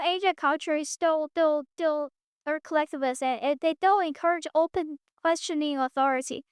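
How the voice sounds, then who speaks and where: A woman hosting a casual reaction video, sarcastic and quick to laugh, swearing offhandedly as she picks apart a clip. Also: very high voice, fairly bright tone, no room sound, studio quality.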